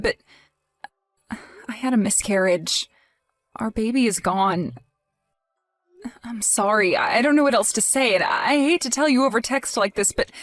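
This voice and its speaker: A woman voicing a grieving young wife in a text-message drama, emotional and pleading. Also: high voice. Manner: emotional, pleading, voice rising and falling.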